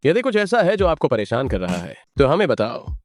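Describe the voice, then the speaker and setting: A man's voice: medium pitch, brisk. A man voicing a teasing young male friend in a dubbed drama, playful and mocking. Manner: teasing, lively.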